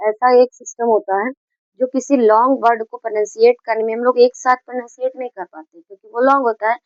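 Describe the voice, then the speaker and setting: A woman's voice: fairly high pitch, darkish tone, no room sound. Muffled Hindi-accented woman teaching grammar. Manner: explains slowly with repetition and self-corrections. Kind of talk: classroom-style grammar lesson.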